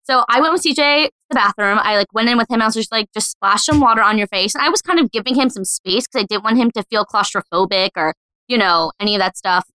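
A young adult woman co-hosting a podcast, telling a story in an animated casual chat, full of "like" and acted-out quotes. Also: on the high side, fast, clear, resonant tone, no echo. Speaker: podcast co-host.

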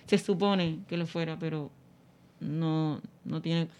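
A woman speaks very slowly in a smooth, fairly low voice. She explains carefully, often pausing to search for the next word. The recording is slightly dull. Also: fairly even intonation, a little mellow. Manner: halting, searching for words, explanatory. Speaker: interviewee. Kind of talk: explanatory interview talk.

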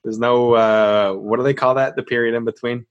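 A man's voice: medium pitch, fairly even intonation, normal speed, highs cut off. A man co-hosting a podcast, chatting casually about a show with crude, laughing humor. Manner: crude joking, laughs often. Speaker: podcast co-host. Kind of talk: casual recap chat about a sitcom. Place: remote internet call recording.

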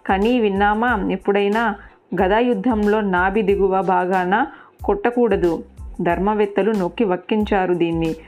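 A woman's voice: mid-range voice, steady tone, moderate pace, darkish tone, faint music behind, lightly acted. A woman doing an enraged indignant warrior. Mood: outraged. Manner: outraged, indignant. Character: enraged mighty male warrior challenging a rival.

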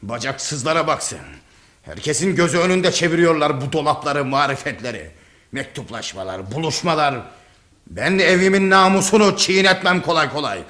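A man's voice: on the high side, animated, normal speed, fairly bright tone. A man playing a furious village father. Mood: angry. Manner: domineering, barking orders. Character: stern village father guarding family honor, hot-tempered. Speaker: angry father of the household.

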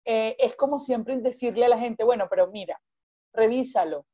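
Mellow-voiced woman coach, lo-fi sound. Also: on the high side, normal speed. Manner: expansive, animated explaining with acted-out examples. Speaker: guest life coach. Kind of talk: podcast conversation.

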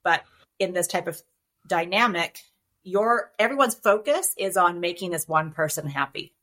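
A woman's voice: fairly low pitch, moderate pace, fairly bright tone. A woman divorce coach on a podcast, explaining in an earnest way and often checking in with "right?". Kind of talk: podcast interview.

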